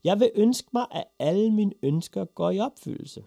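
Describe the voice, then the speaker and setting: A man voicing an eager young boy who is proud and excited. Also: creaky, dry recording, clean studio sound, heavily acted. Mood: excited shouting. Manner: loud, shouting, high-pitched.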